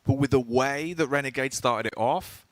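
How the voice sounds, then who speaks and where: A man's voice: medium pitch, normal speed, dry recording. A man working as an esports caster, giving live play-by-play commentary that builds dramatically at key plays.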